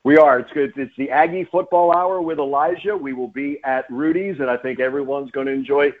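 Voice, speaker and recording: A man's mid-range, steady-toned voice moves a little fast as he works as a radio guest and play-by-play announcer. Repeating phrases for emphasis, he calls the sports action forcefully, all over a phone-like narrow-band radio line.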